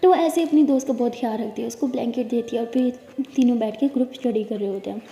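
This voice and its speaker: A woman's voice: a little high, quick pace, vocal fry, dark tone, a little hiss or hum. A woman narrating a love story in a casual, chatty way, with a running "she says" between lines. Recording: echoey room, dull lo-fi sound.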